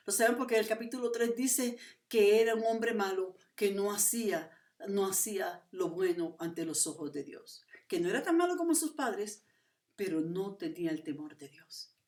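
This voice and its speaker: A woman's voice: mid-range voice, moderate pace, a little mellow, reverberant. Woman preacher, storytelling sermon, rhetorical questions, distant mic.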